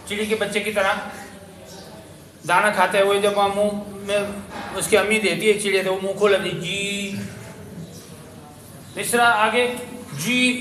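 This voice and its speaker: Male Quran teacher, high bright voice, patient and repetitive explaining, echoey room. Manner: patient explanatory teaching, repeats points, models lip shapes. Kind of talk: tajweed lesson for memorization class. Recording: echoey room with faint ambient noise.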